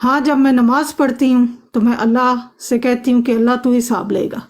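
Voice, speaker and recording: A woman's voice: on the high side, steady tone, darkish tone. A woman on a phone live stream arguing emphatically, insisting the other person listen to her. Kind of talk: heated live-stream argument.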